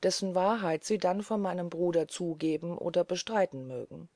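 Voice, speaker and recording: A woman reading aloud voices a grave, courteous gentleman who speaks in a measured, solemn way. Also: on the low side, fairly even intonation, no echo.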